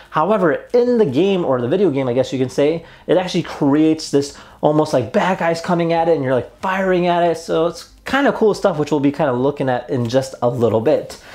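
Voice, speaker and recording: Speaking in a mid-range voice with a darkish tone, a young man unboxes and reviews a product in a small room indoors. His delivery is relaxed, cheerful and chatty.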